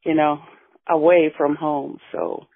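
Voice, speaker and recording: A woman in her sixties from Fiji, reminiscing in a relaxed radio interview, often adding yeah as she goes. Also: low-pitched, slow, vocal fry, no echo. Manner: warm, reflective storytelling with frequent yeahs. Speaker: guest. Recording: dry phone-like radio line.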